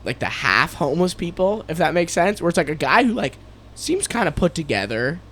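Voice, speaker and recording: A man chatting on a podcast, spinning an animated story and slipping into the voices of the people in it. His voice sits high and swings widely in pitch. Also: a little fast, slight background noise. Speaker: podcast host. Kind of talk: casual chat. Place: Los Angeles area.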